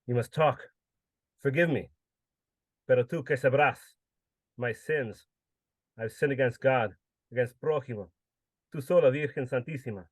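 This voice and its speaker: A man's voice: mid-range voice, moderate pace, long pauses, dry recording, lightly acted. A man voicing a desperate, drunk man who pleads in anguish with a priest for forgiveness. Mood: pleading.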